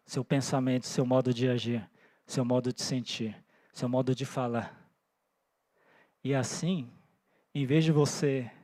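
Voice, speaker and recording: Born in Japan and raised in Brazil, this pastor in his forties preaches a sermon at church with earnest conviction, thinking aloud and frequently pausing for "né?" His voice is medium-pitched and darkish, and the recording is dry.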